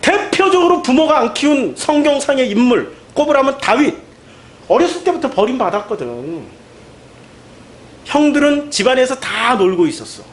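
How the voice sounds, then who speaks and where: A male pastor delivering a sermon in an emphatic, animated way, full of rhetorical questions. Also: extremely high pitch, slight background noise.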